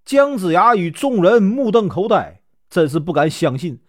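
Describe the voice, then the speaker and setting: A man telling a classic legend in a casual, chatty storytelling way, with lots of drawn-out filler particles. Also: high voice, big pitch swings, no room sound, studio quality.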